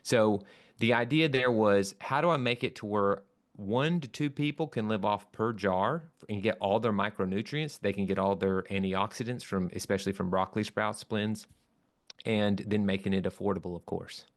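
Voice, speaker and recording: A man's voice: fairly low pitch, moderate pace. A man, an inventor, earnestly telling in an interview how he came up with his product, rambling a little and restarting his sentences. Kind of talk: casual storytelling interview answer.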